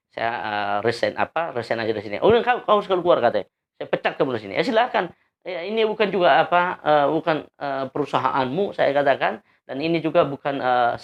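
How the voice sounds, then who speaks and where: Man with a gravelly voice, earnest speaker recounting personal trials; muffled lo-fi recording. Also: medium pitch. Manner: earnest, emphatic, with frequent hesitations. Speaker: convert giving testimony. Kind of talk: spoken testimony to an audience.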